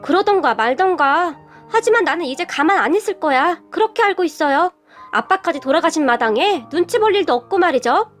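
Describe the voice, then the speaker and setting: A woman's voice: very high-pitched, animated, a little fast, soft background music. A woman voicing a brazen young man who claims to be a lost son, speaking in a cool, taunting, unbothered manner in a storybook reading. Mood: defiant.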